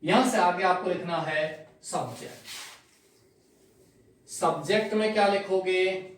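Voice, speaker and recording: Teacher in an echoey room. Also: male voice, sits high, measured pace, far from the mic. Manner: explains step by step, asks and answers his own questions. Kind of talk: classroom lesson.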